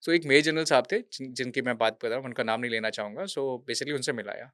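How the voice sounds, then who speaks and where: A man's voice: mid-range voice, quick pace, fairly bright tone, no echo. A man in his thirties, a podcast guest, telling a true story earnestly in a conversational interview and dropping English words into his speech. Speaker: podcast guest, veterans' charity worker.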